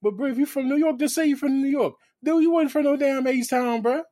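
He co-hosts a sneaker podcast in a very high voice, speaking briskly while swearing a lot and lampooning others with exaggerated impressions. The sound is clean, studio-quality and echo-free.

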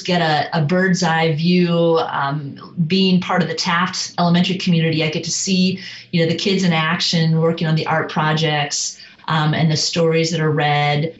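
A woman with a somewhat low voice speaks earnestly, often pausing on um and going back over her words. The sound comes through a video call. The audio is dull and carries the echo of the room. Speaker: school community member, program co-creator. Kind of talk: casual conversation on a video call.

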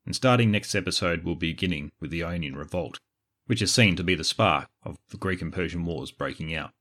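An Australian man with a very low voice hosts a history podcast. He narrates from a script in a measured, explanatory way. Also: fairly bright tone. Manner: measured, explanatory, answers listener questions.

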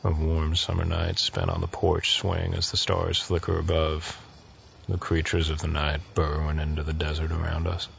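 Deep, gravelly lovelorn desert wanderer. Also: male voice, completely flat delivery, moderate pace, full character voice. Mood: wistful longing. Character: lovelorn weary man wandering a post-apocalyptic desert. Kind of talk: audio drama acting. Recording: muffled, noisy with night ambience.

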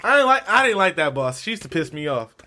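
A man's voice: a little high, fast. A man co-hosting a casual podcast chat, telling stories in a loose, profane way. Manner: animated, profane storytelling. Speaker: podcast co-host.

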